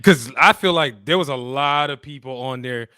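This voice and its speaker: Raspy male podcast host, bright edge. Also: mid-range voice, moderate pace, no room sound, studio quality. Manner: bantering, slangy, repeats phrases. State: voice worn from weekend partying. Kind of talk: casual comedic chat.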